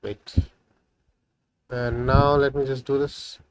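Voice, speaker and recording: A programming tutorial host whose first language is Tamil talks through a coding session in a casual screen-recorded video. He speaks slowly in a mid-range, level voice with no echo, thinking aloud with frequent fillers and "right?" tags.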